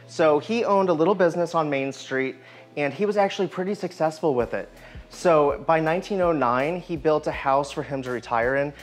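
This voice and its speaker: Enthusiastic man guiding a house tour. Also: on the high side. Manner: enthusiastic, guiding viewers room to room. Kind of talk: walking house tour narration. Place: empty old house, indoor rooms.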